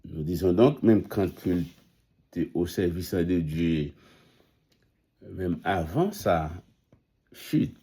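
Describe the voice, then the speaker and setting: A deep-voiced man preaches. He speaks slowly, halting and restarting his phrases. His tone is very dark and mellow. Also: animated. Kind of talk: sermon.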